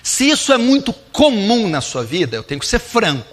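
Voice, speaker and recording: A man's voice: high voice, huge pitch swings, normal speed. A man preaching as a pastor, answering questions emphatically and listing words in rhythmic runs. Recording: long hall reverb.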